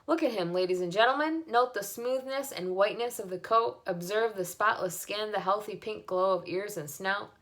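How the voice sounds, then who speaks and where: A woman voicing a pompous male fair announcer on a loudspeaker, speaking in a grand, showy way. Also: mid-range voice, normal speed, few pauses, close to an everyday voice.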